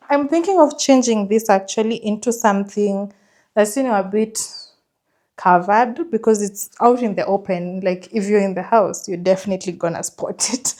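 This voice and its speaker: A woman's voice: on the high side, mellow. A woman giving a casual, chatty house tour, enthusiastic about what she shows. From Kenya. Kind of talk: casual vlog chat.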